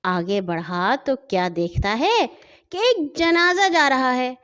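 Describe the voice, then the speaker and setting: Woman storyteller, children's tale, lively rising and falling voice, fairly high. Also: smooth.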